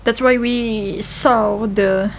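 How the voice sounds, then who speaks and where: A young Indonesian woman with an Indonesian accent, a gaming reaction vlogger, gives casual commentary on a game, thinking aloud, chatting, and switching between languages. Her voice is on the high side with fairly even intonation, and she speaks very slowly. Slight background noise can be heard.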